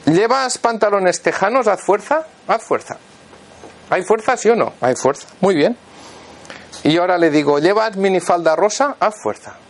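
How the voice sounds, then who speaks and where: High, lively man coaching a volunteer. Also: vocal fry. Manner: instructive, checks in constantly with "vale". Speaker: therapist leading a live demonstration. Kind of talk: guiding a volunteer in front of an audience.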